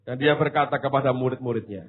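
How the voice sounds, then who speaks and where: A man preaching a sermon, swinging from hushed asides to loud exclamations, with casual slang jokes. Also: mid-range voice, fast. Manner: drops into casual Javanese-flavoured slang for humour. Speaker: pastor. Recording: tinny phone-like sound.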